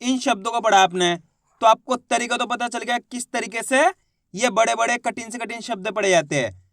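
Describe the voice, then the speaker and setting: A man's voice: extremely high pitch, normal speed, vocal fry, a bit bright, no echo, clean studio sound. A man teaching reading in an online lesson, sounding out words syllable by syllable and then blending them, while coaxing his viewers along as friends.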